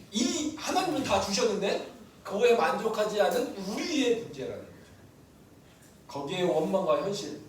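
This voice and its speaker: A man's voice: high voice, a little hiss or hum. A man preaching a sermon as pastor, often asking the congregation questions and answering them himself. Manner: asks the congregation questions, lively and animated. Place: church sanctuary. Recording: echoey room, mic from a distance.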